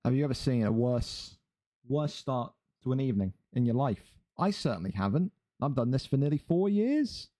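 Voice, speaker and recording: A man's voice: mid-range voice, expressive, normal speed, mellow. A man hosting a live stream and commenting on fights, talking in an exasperated, sweary rant.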